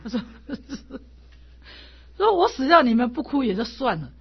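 Older woman, husky, slightly high voice, lively storytelling, dull lo-fi recording. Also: slow pace. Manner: lively, laughs often, animated anecdotes. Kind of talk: casual storytelling talk.

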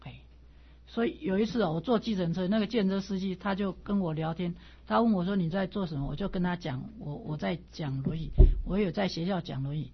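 A woman's voice: lowish voice, fairly quick, slightly rough. A woman teaching the Analects in a conversational lecture, often repeating and restarting phrases and pushing up into emphatic questions. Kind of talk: informal classroom lecture on classical texts. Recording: dull lo-fi recording.

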